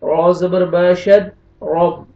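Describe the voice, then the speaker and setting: A man speaking with a Pakistani Urdu accent and a high-sitting, steady tone teaches Quran recitation. He alternates brisk explanation with slow, drawn-out recitation, spelling out letters and vowel marks first, all captured in a dull, roomy, distant lo-fi recording.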